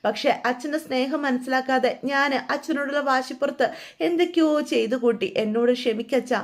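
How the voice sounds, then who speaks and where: A woman's voice: high-pitched, brisk, natural voice. A woman doing a weeping, remorseful son. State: crying. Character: remorseful grown son, young man.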